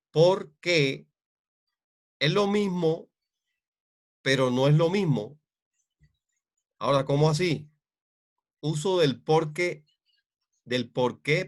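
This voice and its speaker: A man teaching an online grammar class, speaking in a halting way with many fillers and repeated checks for understanding. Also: on the high side.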